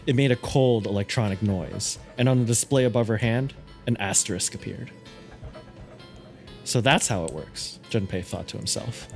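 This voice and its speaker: A man's voice: lowish voice, normal speed, gravelly. A man reading scripted narration aloud as the narrator of a game playthrough. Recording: music behind the voice.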